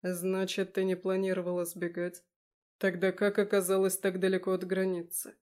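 A deep-voiced male dragon in an audiobook, stern and grave, drawing out his words slowly and quietly, as a woman narrator puts him on. The tone sits low and dark, with a mellow softness under the menace. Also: monotone, natural voice. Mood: calm. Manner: low, slow and measured. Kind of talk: audiobook character reading.

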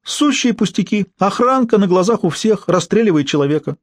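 An excitable, fussy gentleman exclaims in a high, theatrical voice, as a male audiobook reader puts him on. The sound is dry and close to the mic. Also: a little fast, no room sound. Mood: exclaiming. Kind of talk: audiobook character voice.

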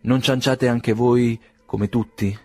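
A haughty, quick-tempered old nobleman, as an audiobook reader puts him on. His voice is husky and mid-pitched, ironic and cutting, and he lectures with mounting scorn. Faint music sits under the reading. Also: fairly even intonation, dark tone, no echo. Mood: icy ironic. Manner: cold and ironic, flaring into indignant outbursts. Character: aristocratic older gentleman, proud and irritable.

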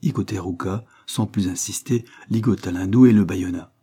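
A man reading an adventure novel aloud as narrator in a measured, dramatic way. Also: low voice, mellow, husky. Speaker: audiobook narrator.

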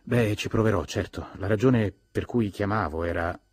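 A man voicing a nervous, evasive young man who talks in a hurried, hedging way on the phone. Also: fairly low pitch, breathy edge, no echo, voice pushed up.

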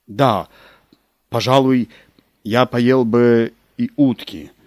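A man's voice: medium pitch, steady tone, darkish tone, no echo, clean studio sound. A man doing a hungry, impatient deputy prosecutor. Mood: wistful. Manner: drawn-out, sighing, pleading to leave.

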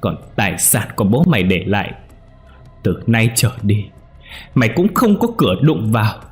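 A man voicing an older adoptive mother who scolds in a shrill, stammering rage. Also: very animated, normal speed, faint music behind. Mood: furious.

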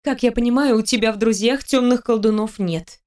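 A woman narrating a first-person audiobook, lively and animated when speaking the heroine's lines. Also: a little high, a little fast.

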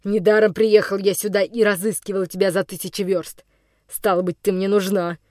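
Lady reading as a rough old tramp villain, menacing and gloating, dry close sound. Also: medium pitch, level tone, normal speed, a little mellow, no room sound, natural voice. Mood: hissing. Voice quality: rough, hoarse-edged voice. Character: coarse older male forest vagabond villain. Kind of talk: audiobook character reading.

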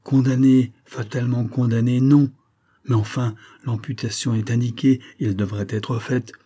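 A man reading the lines of a male army surgeon who speaks in a measured, emphatic way. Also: mid-range voice, fairly even intonation, mellow, breathy edge, natural voice. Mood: grave. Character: irritated male army surgeon, matter-of-fact.

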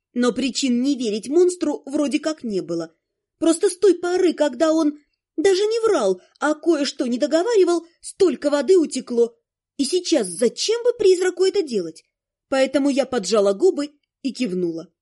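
Female audiobook narrator, high, mellow tone, expressive first-person read. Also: normal speed. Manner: expressive, animated reading.

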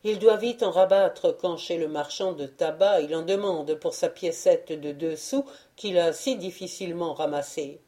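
A woman reading a literary audiobook in a measured, unhurried way. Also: on the low side, warm tone. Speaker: audiobook reader.

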